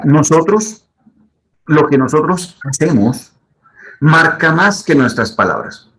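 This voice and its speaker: A man's voice: fairly high pitch, fairly bright tone, low-quality recording. A middle-aged man, a psychologist, giving advice to the camera in a teaching manner and repeating his key points. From Colombia.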